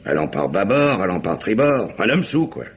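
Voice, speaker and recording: On an old, dull and noisy radio recording, a man acts the part of an impatient, surly English merchant captain in a French crime drama. His voice sits on the low side with big pitch swings, and at a moderate pace he recounts things matter-of-factly in a blunt, colloquial, grumbling way.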